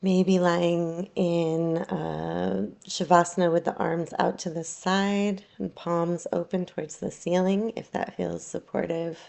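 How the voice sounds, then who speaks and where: A woman guides a yoga nidra meditation in a low voice with a creaky edge, keeping her tone level. Her instruction is gentle and unhurried, with long pauses.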